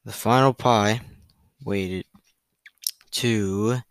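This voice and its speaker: A man's voice: fairly low pitch, fairly even intonation, extremely slow, smooth, no echo, poor audio. A young man hosting a casual solo podcast, reading out facts in a loose, chatty way with fillers and self-corrections. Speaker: podcast host.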